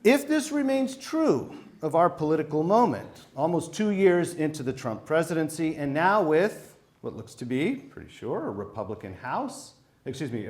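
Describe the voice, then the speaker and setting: A man giving a formal introduction at a public lecture in a measured way, with frequent hesitations. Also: a little high, a little mellow. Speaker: event moderator introducing speaker. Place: lecture hall.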